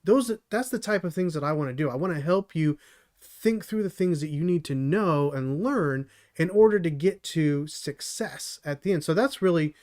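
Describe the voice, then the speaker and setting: A man's voice: on the high side, expressive, normal speed, a little mellow. A middle-aged man hosting a solo live stream as a developer mentor, talking earnestly with many restarts and fillers, his voice a little dry. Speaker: channel host and developer mentor.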